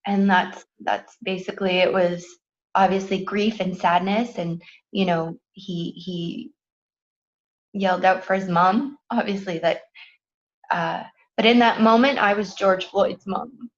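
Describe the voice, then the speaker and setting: A woman speaking as an interview guest, halting, with many fillers and sighs. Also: medium pitch, steady tone. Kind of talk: emotional interview conversation. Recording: dull lo-fi remote audio.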